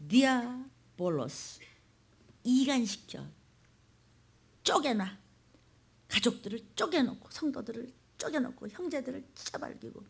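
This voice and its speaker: A woman pastor giving a fiery sermon in a church. She jumps between loud declarations and hushed whispers, and puts blunt questions and commands straight to her listeners. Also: high voice, slightly rough.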